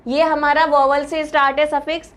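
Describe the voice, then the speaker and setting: A woman's voice: high voice, little pitch movement, normal speed, a bit bright. A woman with an Indian accent teaching an exam-prep English lesson, explaining step by step and checking in with her students.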